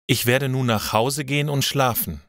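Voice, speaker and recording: A man voicing a young woman in a learner's story, a little higher and livelier than his narration. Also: normal speed, a bit bright, no echo, clean studio sound, close to an everyday voice. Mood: unsure. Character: young woman, friendly then nervous.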